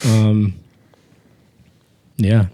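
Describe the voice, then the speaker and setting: A man in his twenties co-hosts a casual faith podcast, speaking very slowly in a fairly low voice on a dry recording. He is relaxed and laughs easily, often using fillers and restarts, chatting into a studio podcast mic in a small home setup.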